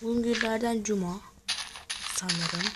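A woman giving casual let's-play commentary, swearing a lot, scolding the creatures in the game and breaking into loud excited shouts. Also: mid-range voice, slow pace. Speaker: gamer. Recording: noisy home recording.

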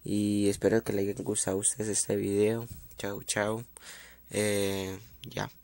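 A man with a fairly low voice wrapping up his video in a relaxed way, pausing and stumbling over fillers. He speaks slowly, and the sound is close and dry. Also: dry recording. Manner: hesitant, many fillers. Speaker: youtuber. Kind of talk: casual video outro.

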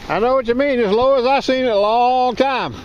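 A man's voice: extremely high pitch, brisk, muffled recording. Man, casual beach-hunt vlog talk, body camera, light background noise. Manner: relaxed, chatty, laughs often. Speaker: metal detecting vlogger. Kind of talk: casual chat while beach hunting. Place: outdoors on a beach, wading in shallow water.

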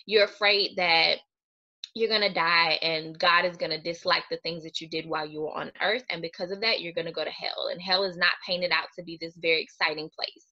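A woman clinical social worker giving a recorded webinar talk, earnest and explanatory in a steady lecturing manner. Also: on the low side, highs cut off.

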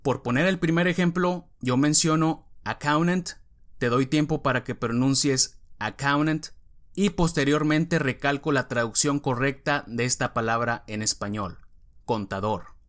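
A male teacher leads a vocabulary drill at a very unhurried pace. He sounds out each word carefully and leaves pauses between them. His voice sits at an ordinary middle pitch. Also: fairly bright tone. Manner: deliberate, clear word-by-word pronunciation with pauses. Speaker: English teacher. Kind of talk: vocabulary drill, reading words slowly.

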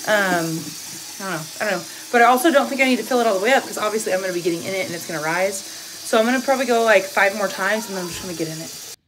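A woman's voice: mid-range voice, rapid-fire. A woman in her thirties chatting casually to camera as a vlogger, thinking aloud in colloquial, mildly sweary language. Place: indoors at home, kitchen and other household rooms. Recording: echoey rooms with clear background noise.

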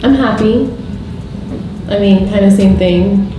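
A woman's voice: mid-range voice, slow pace. A woman in her twenties chatting casually in short, informal answers as a Q&A guest. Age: 20s. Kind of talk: casual chat, short interjections. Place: indoor room at a dining table. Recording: very echoey noisy room, off the mic.

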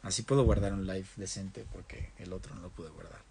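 Husky man on a phone livestream. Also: low voice, a little fast, mellow. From Mexico. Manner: reads viewer comments aloud and answers them in turns; switches between Spanish and English. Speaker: livestream host. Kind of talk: casual livestream chat.

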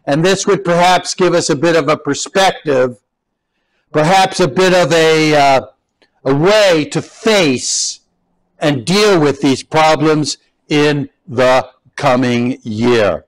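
A man preaching a sermon as pastor, slow and emphatic, repeating key words with rising stress. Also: on the high side, rough recording. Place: church.

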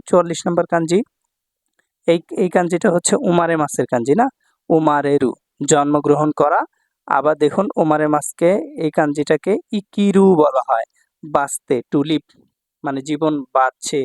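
A man's voice: a little high, darkish tone, no echo, clean studio sound. A male Japanese language teacher explaining kanji patiently, repeating words and often checking that students follow. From Bangladesh.

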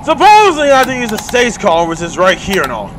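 A man's voice: high-pitched, wildly swooping pitch, fast talker, noisy background. A young man playing a horror game, jumpy and foul-mouthed, yelping at scares. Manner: jumpy, swears a lot, yelps and shouts at scares. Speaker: gaming YouTuber. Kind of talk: horror game let's play commentary. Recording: game music behind the voice.

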